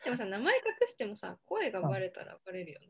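Young female amateur co-host, lively pitch, short teasing answers. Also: quick pace, creaky, breathy edge, no echo, clean studio sound. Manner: laughs easily, short teasing replies. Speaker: amateur radio show co-host. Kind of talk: casual chat, mock radio show.

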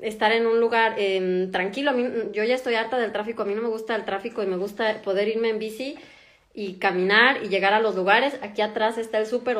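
A woman in her thirties with a Mexican accent, a doctor chatting casually to viewers from her home, laughing often and using many fillers. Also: mid-range voice. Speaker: doctor and vlogger. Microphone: phone camera.

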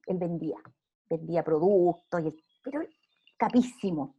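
A woman's voice: lowish voice, normal speed, warm tone, breathy edge, dull audio. A woman speaking earnestly in a casual faith interview, preaching with emphatic repeated phrases.

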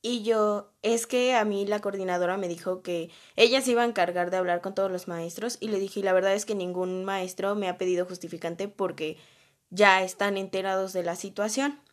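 A young woman with a Mexican Spanish accent telling a personal story in a casual, animated way, full of slang and acted-out quotes. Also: medium pitch, a little fast.

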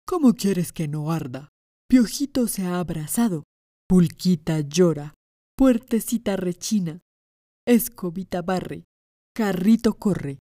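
Lady doing a slow mopey trash heap, dark and dry. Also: lowish voice, animated, no room sound. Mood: gloomy. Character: slow, gloomy talking dung heap, thing.

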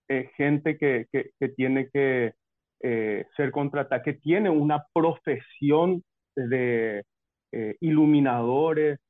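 Paraguayan male guest on a bad connection, slightly high voice, phone-like audio. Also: no echo. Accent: Paraguayan Spanish. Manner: measured, with many hesitations and tag questions. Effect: bad connection on a call. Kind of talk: casual remote conversation. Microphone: call from a distance. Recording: muffled, phone-like call line.

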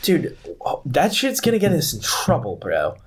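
A man's voice: on the high side, huge pitch swings, unhurried. Goofy laid-back male podcast co-host. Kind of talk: casual comedic podcast chat.

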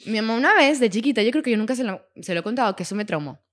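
A woman's voice: a little high, expressive, racing. A young woman, co-hosting a podcast in frank, bantering casual chat. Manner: frank, banters, blunt slang. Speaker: podcast co-host.

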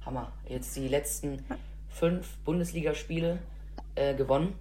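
A woman's voice: low-pitched, normal speed, dark tone, slight background noise. A woman co-hosting a casual chat about football, talking enthusiastically with many fillers. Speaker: football podcast co-host.

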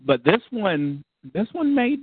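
A man's voice: high-pitched, sing-song, takes it slowly, breathy edge, no room sound. A man co-hosting a casual radio show, rambling and chatty with many fillers. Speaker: co-host. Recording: dry, phone-like lo-fi sound.

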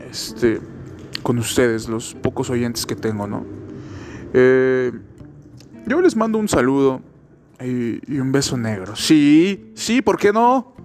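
A Mexican man hosts a solo podcast while hungover, talking in a mid-pitched voice over faint music. He rambles informally and jokes around with crude slang. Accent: Mexican Spanish. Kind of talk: casual rambling monologue.

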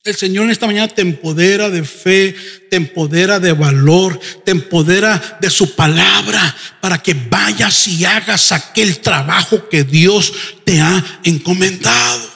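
A high-voiced man preaches a lively sermon, often slipping into quick mimicry of his congregants. His tone is bright and cutting, and the long reverb of a church hall trails each phrase. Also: vocal fry, husky. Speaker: pastor. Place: church sanctuary.

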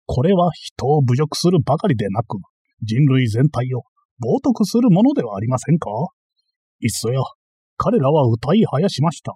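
A man's voice: medium pitch, sing-song, normal speed, warm tone, breathy edge, no echo, studio quality. A man voicing a boastful, bumbling self-styled master thief in a dramatized period-novel reading, ranting and easily flustered. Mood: indignant.

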